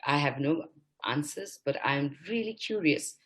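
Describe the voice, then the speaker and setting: A woman from India speaking as a panelist, making impassioned, emphatic points that climb higher in pitch when she stresses them. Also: lively intonation, measured pace. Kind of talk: panel discussion.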